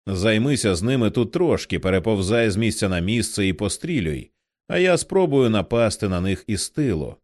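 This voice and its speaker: A man reading the part of a bold, quick-tempered young man who talks in a brisk, determined way. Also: fairly low pitch, very animated, darkish tone, dry recording.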